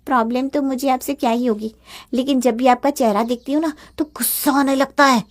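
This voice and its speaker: A woman voicing a rude, mocking teenage sister-in-law in an animated story, speaking in a taunting, insolent way. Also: high voice, a little fast, lightly acted.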